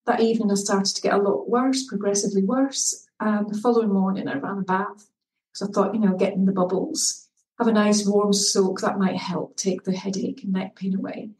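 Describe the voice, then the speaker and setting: A woman's voice: mid-range voice, fairly even intonation, normal speed, darkish tone, far from the mic. Scottish woman, earnest and echoey. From Scotland. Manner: earnest, reflective, encouraging. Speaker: guest, well-being coach. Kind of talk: podcast interview. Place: home in Turkey, remote call. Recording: echoey room, off-mic, faint music.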